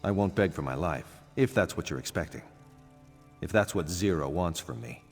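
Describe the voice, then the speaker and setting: A retired thief turned painter for a video game, his voice on the low side. He is a resigned married man with a theatrical, confessional way of talking. A long reverb trails his words, with music underneath. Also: animated, normal speed. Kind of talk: video game character dialogue.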